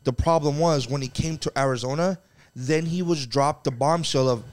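A man in a casual sports talk chat, explaining his take at length. He gets animated and talks in long, winding stretches. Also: on the high side, normal speed. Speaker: co-host.

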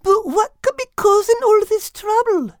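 A man voicing a fretting, motherly female animal with a very high, fluttery voice. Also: animated, normal speed, dry recording, clean studio sound. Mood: fretful.

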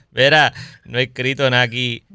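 Bright-voiced Puerto Rican podcast host. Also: male voice, medium pitch, unhurried, clear, resonant tone, no room sound. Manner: lively, greets viewers often. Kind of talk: casual livestream chat. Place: home at night.

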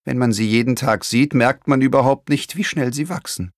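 A man voicing a kindly, caring older grandmother in a storybook reading, gentle and sighing. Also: medium pitch, moderate pace, dry recording, clean studio sound, voice pushed up, close to an everyday voice. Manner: gentle, warm-hearted, sometimes sighing.

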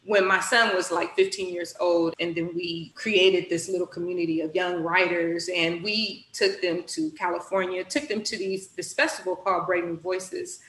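A woman telling a personal story as an interview guest, animated, acting out her own reactions and laughing often. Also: moderate pace, few pauses, reverberant, low-quality recording. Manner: animated, acts out her own reactions with big pitch jumps; laughs often while talking. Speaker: guest, youth literacy director.

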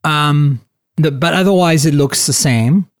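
A man hosting a casual tech podcast, talking in an animated, chatty way with lots of fillers and restarts. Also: a little high, a little slow, no echo, studio quality. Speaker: podcast host.

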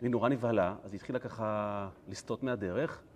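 A male rabbi giving a Torah lesson, telling the story in an animated, humorous way. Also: lowish voice.

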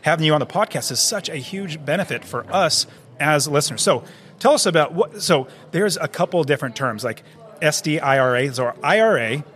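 A man's voice: a little high, lively intonation, brisk, fairly bright tone. Rambling enthusiastic male podcast host. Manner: enthusiastic, rambling, uses "literally" and "like". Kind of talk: conversational interview. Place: busy conference floor.

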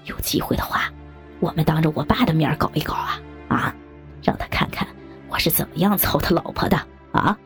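A woman voicing a menacing, taunting young man in a dramatic audio story, with a low gravelly voice and mocking laughs. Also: fairly quick, soft background music. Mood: gloating. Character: menacing young adult son, leering and taunting.

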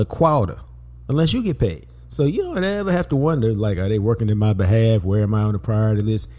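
Animated man, warm tone. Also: medium pitch. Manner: animated, slangy, repeats words for emphasis. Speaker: podcast host. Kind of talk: casual sports talk.

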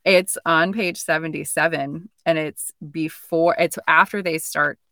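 A young woman co-hosting a casual book discussion, relaxed and thoughtful as she talks through a novel. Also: low-pitched, unhurried, dry recording, studio quality. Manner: relaxed, thoughtful, reads passages aloud. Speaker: podcast co-host.

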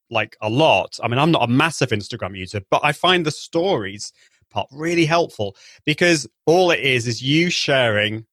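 Interviewed over a call, this live video trainer explains with enthusiasm and frequent restarts. He has a trained singer's voice, medium in pitch and a bit bright, with no echo.

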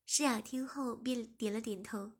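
A woman reading a story aloud in soft, even scripted narration. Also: on the high side, normal speed, husky. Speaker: story reader.

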